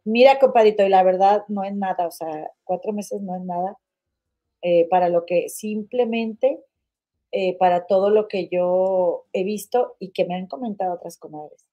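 Mexican woman, livestream host, warm mellow voice, chatty, blunt, gossipy. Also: medium pitch, moderate pace, muffled recording. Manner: chatty, gossipy, blunt, calls viewers comadres. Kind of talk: casual livestream chat reading viewer comments.

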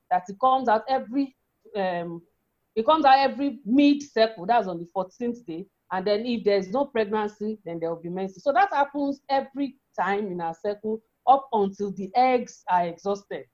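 A woman's voice: on the high side, a little mellow. A woman with a feminine voice giving an explanatory health talk as an educator, often repeating and rephrasing her points. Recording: dull, lo-fi sound.

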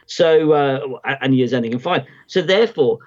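A man's voice: mid-range voice, normal speed, a little mellow, dull audio. A man guest on a podcast, explaining at length in a conversational way, with lots of ums and restarts. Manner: rambling, many ums and restarts. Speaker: podcast guest, market timing analyst.

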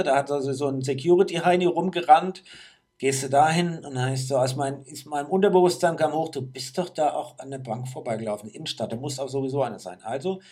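Guy with a high voice telling a funny story, acts out all the voices. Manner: animated storyteller, acts out dialogue, laughs often. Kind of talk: casual chat, storytelling.

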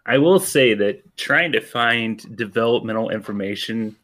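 A man hosting a casual gaming podcast, talking in a laid-back way with lots of ums and pauses. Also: medium pitch, expressive, a bit bright. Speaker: podcast host.

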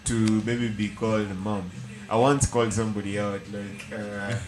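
A man's voice: lowish voice, flat delivery, normal speed. A man co-hosting a podcast in casual chat, telling stories with many restarts and fillers. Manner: rambling storyteller with many restarts. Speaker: podcast co-host.

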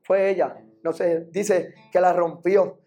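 A man's voice: high-pitched, flat delivery, slow, mellow, soft background music. A man preaching a sermon and calling on the congregation to repeat phrases after him. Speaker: pastor and preacher.

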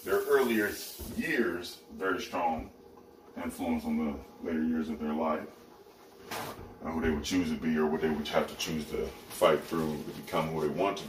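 A man's voice: deep voice, slight background noise, low-quality recording. A podcast host talking alone in a blunt, preachy way, swearing freely while he makes dinner at home. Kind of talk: casual solo monologue. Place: home kitchen, cooking dinner.

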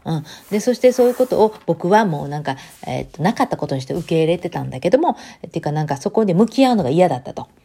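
A woman's voice: fairly low pitch, big pitch swings, rapid-fire, vocal fry, few pauses, dark tone, breathy edge. A woman with a Kansai accent talking casually and chattily to her audience, mixing standard and Kansai speech. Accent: Kansai Japanese. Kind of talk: casual monologue.

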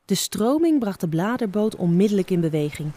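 A woman narrating a children's fable with a lively, expressive reading. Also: medium pitch, brisk, no echo. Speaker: storyteller.

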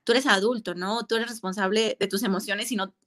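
A woman's voice: medium pitch, steady tone, brisk, a bit bright. A woman, a mother talking candidly and reflectively in a casual interview, with many fillers and restarts. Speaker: guest mother.

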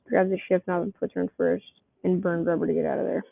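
Someone reading their goofy story, gravelly and kinda husky, sounds like it's through a phone. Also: medium pitch, flat delivery, quick pace, no room sound. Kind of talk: reading a homemade story aloud. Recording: tinny phone-like dry recording.

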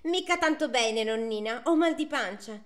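A woman's voice: on the high side, lively intonation, normal speed, lightly acted. A woman voicing a naive young merchant's daughter in a folk tale, speaking in a plaintive, whiny way.

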